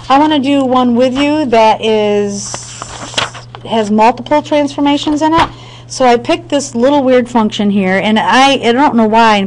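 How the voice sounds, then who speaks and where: In this screen-recorded math lesson, a woman teacher with a fairly high pitch patiently breaks things down step by step. She addresses her students directly and frequently pauses to check they're with her. The audio is rough, with a bit of hiss or hum.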